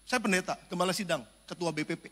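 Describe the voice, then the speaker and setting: Pastor guy preaching, really high bright voice, jokey, big echoey church hall. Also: quick pace, background noise. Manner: animated, joking, swings from loud preaching to low asides. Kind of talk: sermon.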